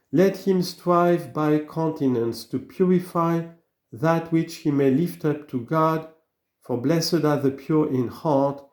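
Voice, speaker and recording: Slow solemn man reading a sermon. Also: fairly high pitch, a little mellow, echoey room. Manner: measured, earnest, rhetorical questions. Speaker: reader of sermons.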